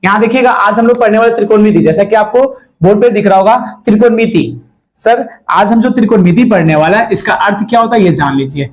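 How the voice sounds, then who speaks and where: प्रश्न पूछकर खुद उत्तर देता हुआ शिक्षक. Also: male voice, high-pitched, fairly quick, low-quality recording. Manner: asks questions and answers them himself, repeats key words. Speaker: math teacher. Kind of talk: classroom lecture.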